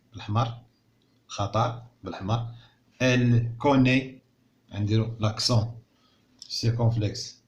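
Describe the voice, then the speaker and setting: A male schoolteacher with a Moroccan Arabic accent gives a recorded lesson. He stretches words out slowly and says them again for young pupils, then explains in Arabic. The audio is a little dull and lo-fi. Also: on the low side. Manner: slow, drawn-out word repetition. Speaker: primary school teacher.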